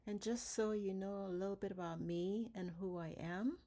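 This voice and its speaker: A middle-aged woman from Ghana, a dentist and coach presenting a webinar in a measured, deliberate way. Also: medium pitch, fairly even intonation, mellow.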